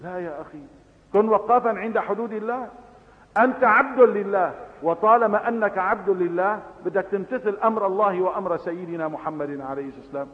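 A man with a Levantine Arabic accent delivering a sermon, passionate, moving between hushed asides and loud exhortation. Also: high voice, fast talker. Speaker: preacher. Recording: phone-like, with long reverb.

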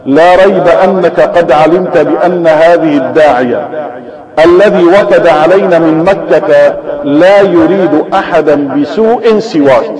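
A man's voice: a little high, unhurried, lightly acted. A man reading as a stubborn old lame chief. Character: proud old lame man, chief devoted to his idol. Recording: echoey hall with a crowd.

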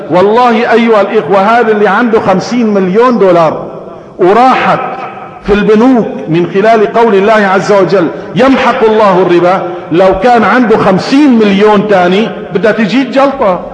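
A man preaching a sermon with a Syrian Arabic accent, telling stories animatedly and asking rhetorical questions. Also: high voice. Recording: echoey hall reverb.

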